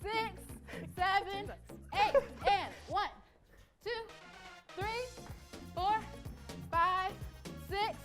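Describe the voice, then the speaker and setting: A young woman leading a Zumba workout, counting beats out loud with energetic, upbeat delivery. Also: extremely high pitch, extremely slow, pauses often. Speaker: Zumba instructor. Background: dance music.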